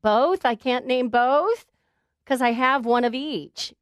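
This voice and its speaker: A middle-aged woman answering quick questions as an interview guest, playful and brief, laughing easily. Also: high-pitched, no room sound, studio quality. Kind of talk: casual rapid-fire Q&A.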